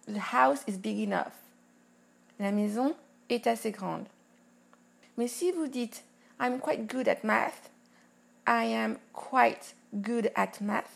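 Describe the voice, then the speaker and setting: Slow, gravelly-voiced woman teaching English. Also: fairly high pitch. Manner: slow, careful explanations with spelled-out letters. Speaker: English teacher and podcast host. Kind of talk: podcast English lesson.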